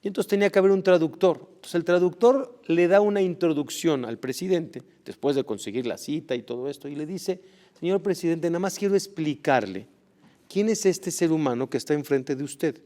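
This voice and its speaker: A man preaching, his voice sitting a little high for a man. He tells his story with energy, climbing in pitch and volume when he acts out the people in it. It is a sermon driven by storytelling. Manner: animated storyteller, acts out quoted dialogue with rising voice. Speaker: rabbi.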